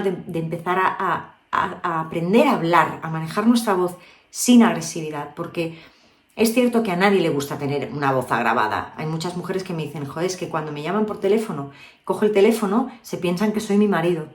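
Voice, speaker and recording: A woman's voice: lowish voice, darkish tone. A woman from Spain, a vocal coach, giving a chatty video lesson and often checking in with her viewers. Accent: Spain Spanish. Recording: echoey room.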